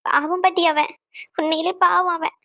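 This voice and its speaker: A woman's voice: extremely high pitch, level tone, moderate pace, creaky, bright, forceful tone, no room sound, full character voice. A woman voicing an upset young married granddaughter in a cartoon, talking in a hurt, pleading way. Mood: worried. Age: young adult. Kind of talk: cartoon voice acting.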